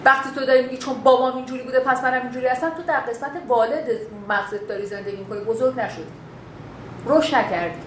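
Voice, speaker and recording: A woman teaches a class in a lively, animated way, often slipping into quoted lines of dialogue to make her point. Her voice sits a little high. The room is echoey, with faint background noise. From Bakhtiari heritage. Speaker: instructor. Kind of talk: classroom lecture on communication.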